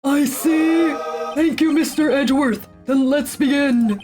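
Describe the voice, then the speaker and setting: A woman voicing an old male courtroom judge in a game, speaking slowly and formally. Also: high voice, over music, voice pushed up. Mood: solemn.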